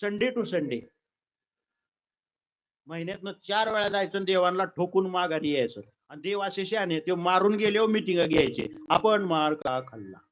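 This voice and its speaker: A man performing a kirtan, telling a sacred story in a lively, dramatic way with comic asides. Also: high-pitched, normal speed, poor audio.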